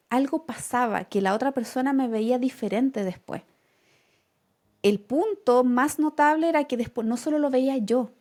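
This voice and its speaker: A young woman with a Chilean accent, co-hosting a casual podcast and telling a personal story, acting out the lines she quotes with laughter. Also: a little high. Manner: animated, acts out quotes with laughter. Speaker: podcast co-host.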